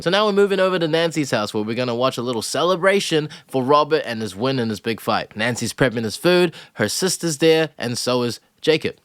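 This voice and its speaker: A man's voice: mid-range voice, a bit bright, no room sound. A man casually commenting on a reality show, blunt, swearing and laughing. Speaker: reaction video host.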